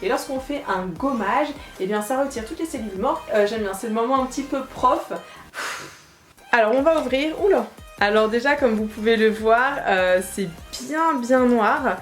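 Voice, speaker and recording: A woman's voice: on the high side, normal speed. Chatty young-sounding beauty vlogger woman. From France. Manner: chatty, playful, self-mocking, calls viewers her warriors. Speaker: beauty YouTuber. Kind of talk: casual beauty vlog, product test. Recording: echoey room, soft background music.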